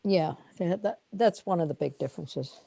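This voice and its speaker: Gravelly low woman, halting speech. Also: dark tone, slight background noise. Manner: halting, repeats words. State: sneezy, clearing throat.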